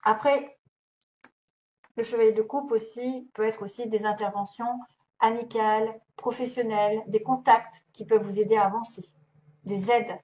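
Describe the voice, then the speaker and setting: A woman's voice: fairly high pitch, fairly even intonation, normal speed, dark tone. Chatty woman reading tarot. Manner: chatty, thinking aloud with many fillers and little laughs. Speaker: tarot reader. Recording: dull lo-fi recording, faint noise.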